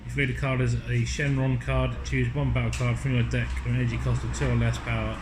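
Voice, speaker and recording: A man's voice: medium pitch, fast. A man giving casual, matter-of-fact commentary and reading out the text of game cards. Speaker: card game box opening co-presenter. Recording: steady background hum and room noise.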